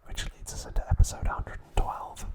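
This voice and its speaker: Whispering softly and breathily, a man hosts an ASMR recap, moving through it in a gentle, halting way.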